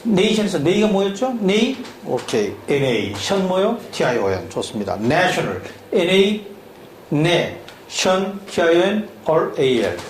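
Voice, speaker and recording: A man's voice: sits high, big pitch swings, slow pace. A man teaching a lesson, drilling spelling syllable by syllable and asking the listener questions as he goes. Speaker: English teacher. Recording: echoey room with faint hum.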